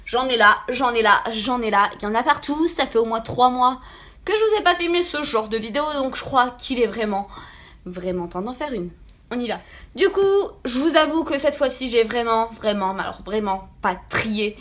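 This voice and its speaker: Fairly high and bright in tone, this woman's voice is animated and moves at normal speed. She sounds slightly ill and has a lisp with slushy s sounds. Reviewing beauty products as a vlogger, she chats casually and emphatically, doubling up words for emphasis.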